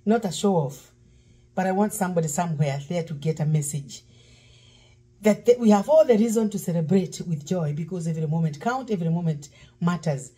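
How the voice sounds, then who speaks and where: A middle-aged woman pastor preaches while cooking in her home kitchen, occasionally bursting into song, in a cooking-demo sermon picked up by a fixed camera across the counter. Her voice is low-leaning, a bit fast, dark and slightly rough.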